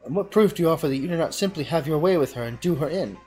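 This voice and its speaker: A man reads video game dialogue aloud as a fretful innkeeper bemoaning cursed cheese, delivering the tavern lines in an indignant yet apologetic way. His voice is pushed up to the high side, racing and lively in intonation, with a darkish tone and a breathy edge, and faint music plays behind him.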